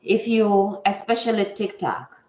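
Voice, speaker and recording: A livestream host with a stuffy nose chats casually at her table at home, greeting viewers in an unhurried, medium-pitched voice that's a little mellow, with lively intonation. Her echoey room gives a dull, lo-fi sound.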